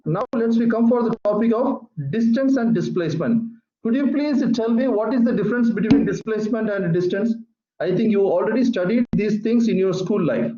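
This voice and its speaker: A man teaching a physics lesson over an online call, explaining slowly and patiently with many repetitions. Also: sits high, warm tone. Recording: echoey, muffled online call audio.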